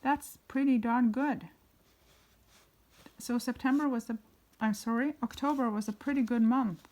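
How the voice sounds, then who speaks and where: A woman's voice: on the high side, fairly even intonation, measured pace, a little mellow. Chatty woman flipping through her journal. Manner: chatty and rambling, with many fillers and restarts. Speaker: bullet journal vlogger. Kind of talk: casual flip-through narration.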